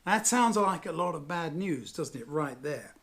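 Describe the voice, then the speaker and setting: A man teaching a Bible lesson, retelling the story in a lively, conversational way with asides. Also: fairly high pitch, moderate pace.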